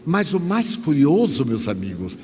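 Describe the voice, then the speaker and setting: A man from Bahia, giving a spiritist lecture as a lively storyteller who acts out the dialogue. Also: fairly high pitch, a little slow. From Bahia, Brazil. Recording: echoey hall with faint hiss.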